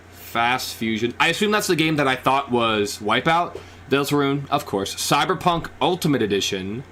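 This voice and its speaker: A young man reacting on a live stream, rambling and bursting into excited shouts. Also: mid-range voice.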